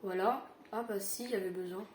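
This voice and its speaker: A tired woman giving a casual Minecraft building tutorial, halting with fillers and self-corrections. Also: mid-range voice, fairly even intonation, echoey room, slight background noise.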